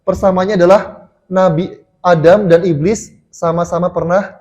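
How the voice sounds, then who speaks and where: A man's voice: sits high, steady tone, normal speed, darkish tone, dull audio. An Indonesian man giving a mosque sermon, telling stories with frequent restarts and fillers to the congregation. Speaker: preacher.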